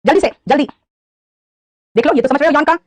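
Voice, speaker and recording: Fast, high-pitched Indian woman teacher, calls students beta, quizzes and praises, dry close sound. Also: darkish tone, no room sound. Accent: Indian English. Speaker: English vocabulary teacher. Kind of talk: online live class, Hindi mixed with English.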